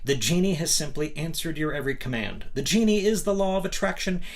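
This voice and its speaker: With a fairly high, expressive voice and a slightly fast delivery, a man hosts a motivational book reading. He reads aloud emphatically and instructively, breaking in with conversational asides and rhetorical questions.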